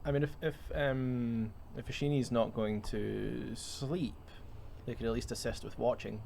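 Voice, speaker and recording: A man playing a tabletop role-playing game, thinking aloud with many pauses. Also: medium pitch, steady tone, creaky, a little mellow, a little hiss or hum. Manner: hesitant, thinks aloud with fillers. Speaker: player. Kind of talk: casual tabletop game chat.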